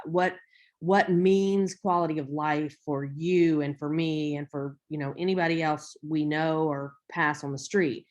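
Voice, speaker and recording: American lady teaching an online class, kinda low voice, rambles and backtracks a lot. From United States. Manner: rambling, self-interrupting, conversational asides. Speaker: lecturer. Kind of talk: informal online lecture.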